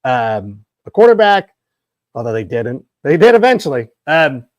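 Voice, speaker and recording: A man's voice: mid-range voice, big pitch swings, normal speed, dry recording, lo-fi sound. A man hosting a casual sports podcast, telling long, winding stories with many restarts. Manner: long-winded, rambling storyteller. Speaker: podcast host.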